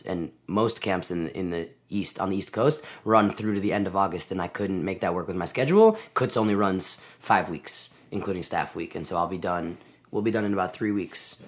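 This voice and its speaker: A man's voice: low-pitched, normal speed. A man in his twenties, a camp song leader, talking thoughtfully in a casual interview. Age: 20s. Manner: thoughtful, talks in restarts.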